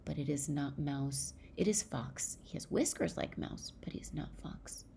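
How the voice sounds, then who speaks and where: Low, gravelly woman teaching young kids. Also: measured pace, mellow, slight background noise. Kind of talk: story retelling lesson for young children.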